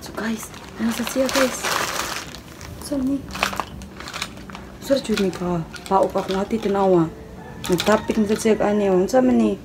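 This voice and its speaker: A comedy vlogger with a mid-range voice speaks at a measured pace, leaving long pauses. The young woman chats and teases through a mock live-selling stream, addressing viewers as "guys," with loud noise behind her.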